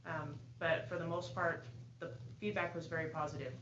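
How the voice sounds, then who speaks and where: Woman chairing a board meeting, lowish voice, plainspoken; echoey, dull recording. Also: flat delivery, moderate pace, background noise. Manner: warm-hearted, plainspoken, chatty asides with "you know". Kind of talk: public remarks at a board meeting.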